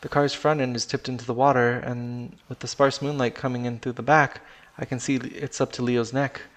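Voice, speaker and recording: A man's voice: medium pitch, level tone, moderate pace. A man reading a first-person story aloud on a stream, casual in tone, swearing now and then and restarting sentences.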